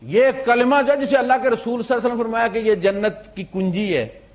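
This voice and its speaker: This Islamic preacher has a very high voice and preaches a storytelling sermon. He blends English words into his talk while swinging between loud emphasis and quiet asides.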